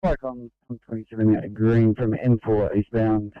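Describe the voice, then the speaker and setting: A man's voice: lowish voice, little pitch movement, moderate pace, dry recording. Man, Australian accent, dispatcher over a two-way radio, thin phone-like sound, dry, clipped radio codes. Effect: heard over a two-way radio. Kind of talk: radio call.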